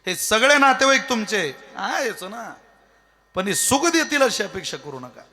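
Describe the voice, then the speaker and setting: A man from Maharashtra preaching a devotional kirtan sermon, folksy and humorous, now and then breaking into high sung verses. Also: big pitch swings, moderate pace, a crowd in the background.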